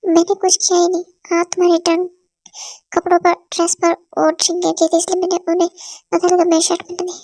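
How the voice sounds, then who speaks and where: A woman's voice: very high voice, completely flat delivery, fast, a little mellow, no echo, studio quality. A woman voicing a curt, brooding young husband in an amateur fan-dub drama reading, speaking in clipped commands and retorts. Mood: defensive.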